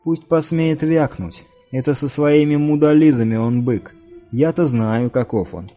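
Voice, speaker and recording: A man voicing a haughty, sharp-tongued, seductive woman. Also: fairly high pitch, unhurried, soft background music, voice pushed up, lightly acted. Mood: scornful. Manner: haughty and scornful.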